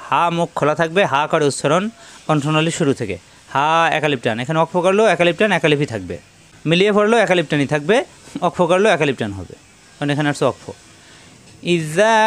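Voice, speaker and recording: A man giving a tajweed lesson, chanting verses slowly and then quickly explaining how each letter is pronounced. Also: a little high. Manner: alternates slow melodic recitation with quick explanations of pronunciation. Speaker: Quran recitation teacher.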